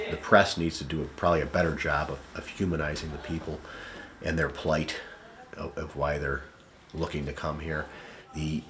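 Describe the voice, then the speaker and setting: A man with an extremely deep voice speaks earnestly and steadily, restarting a phrase here and there. Faint background noise sits under him. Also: fairly bright tone. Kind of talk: documentary interview.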